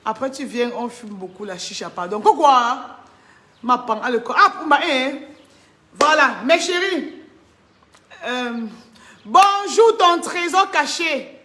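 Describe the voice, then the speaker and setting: A woman's voice: a little high, a little slow, pauses often, pushed and bright. A woman hosting a casual phone live stream, greeting viewers by name and coaxing them to share. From Cameroon. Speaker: live-stream host selling wigs. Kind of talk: casual Facebook live chat.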